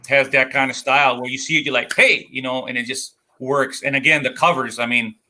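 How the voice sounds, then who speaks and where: A man's voice: medium pitch, flat delivery, fairly quick, pushed and bright, a little hiss or hum. A man with a Wisconsin accent on a comics panel, talking in a stern, matter-of-fact way and often restarting his sentences. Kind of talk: casual panel chat.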